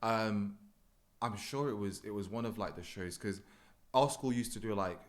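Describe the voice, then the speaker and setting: This young man hosts a podcast, speaking at a normal pace in a lowish voice. He wasn't born in the UK, and his casual chat is relaxed and rambling, packed with fillers.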